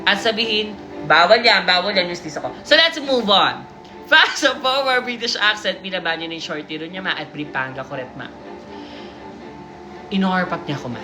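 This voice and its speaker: A woman's voice: fairly low pitch, animated, normal speed. A woman hosting a livestream, reading a submitted confession aloud and breaking off for playful, teasing asides. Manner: playful, teasing asides and giggles between passages. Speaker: livestream host reading listener stories. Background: music.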